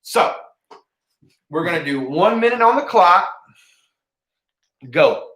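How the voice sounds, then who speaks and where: A man's voice: sits high, animated, slow, fairly bright tone. A man hosting a casual livestream, chatting informally with viewers and often repeating himself. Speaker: livestream host of a fishing giveaway. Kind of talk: casual live chat with viewers. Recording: roomy, echoing room sound.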